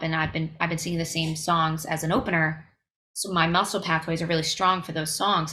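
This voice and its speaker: With a lowish voice that's pushed and bright, a young woman who tours as a singer gives earnest, emphatic advice with fillers during a casual podcast interview at home. Slight background noise is audible.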